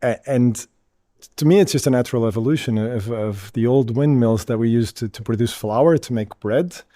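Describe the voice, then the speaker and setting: A man from Portugal, an industry representative, explaining in an interview in a halting way that repeats words at the start of phrases. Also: mid-range voice, warm tone, no room sound, studio quality. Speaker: wind energy company representative.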